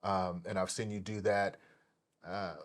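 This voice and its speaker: A man's voice: low-pitched, measured pace. Hyped male podcast host. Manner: animated, hyped delivery with many fillers and restarts. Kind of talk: enthusiastic interview hosting.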